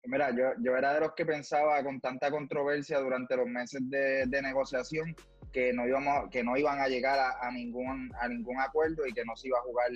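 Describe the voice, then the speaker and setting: A man's voice: medium pitch, level tone, brisk, no room sound, faint music behind. A man with a Puerto Rican accent chatting casually about sports as a podcast co-host. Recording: dull lo-fi, radio-like sound.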